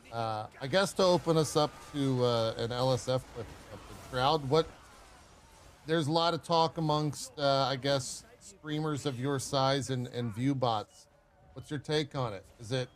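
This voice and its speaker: A man's voice: mid-range voice, a little hiss or hum. A man hosting a podcast, asking questions hesitantly with many fillers. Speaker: podcast host. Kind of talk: interview questions.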